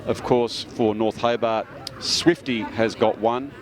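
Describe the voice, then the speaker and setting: A man giving relaxed live commentary on a junior football match at an outdoor ground, often pausing on "uh". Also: lowish voice, a crowd in the background. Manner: chatty, relaxed, fond of filler pauses. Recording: outdoor commentary with loud traffic noise.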